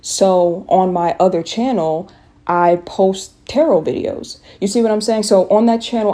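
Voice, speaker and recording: A woman's voice: on the low side, mellow. A young woman YouTuber talking earnestly and encouragingly to her viewers, with many "you know"s and "like"s. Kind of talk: casual talk to camera with a voiceover.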